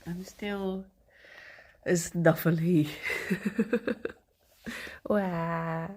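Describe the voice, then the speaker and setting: With a blocked nose, a woman speaks very slowly in a fairly low, fairly even voice during a casual home morning stream. She's chatty and giggly, greets viewers by name, and talks to her pets in gentle baby talk.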